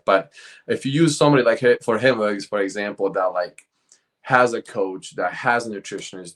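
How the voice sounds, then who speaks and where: A man's voice: on the low side, fairly bright tone. A young man, a fitness coach, chatting casually and rambling a little, often tossing in "man" at the end of a phrase. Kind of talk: casual podcast chat.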